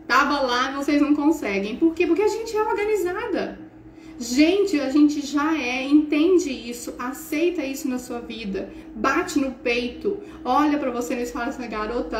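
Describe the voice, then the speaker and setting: A middle-aged woman with a Brazilian Portuguese accent, an English teacher giving a chatty, animated motivational talk. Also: high voice. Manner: animated, chatty, acts out scenes. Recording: roomy echo, faint hiss.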